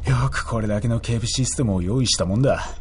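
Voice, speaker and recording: A man's voice: medium pitch, fast, darkish tone, husky, lightly acted. A man playing a serious but easily exasperated special agent in a comedic audio drama, with terse military speech. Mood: serious, wary. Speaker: radio DJ playing a character.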